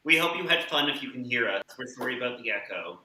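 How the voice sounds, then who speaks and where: A man making a short, apologetic announcement to the audience as an event organizer, his voice carrying a heavy booming echo. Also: lively intonation, fast, bright, forceful tone, a little hiss or hum. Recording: echoey hall, voice far from mic.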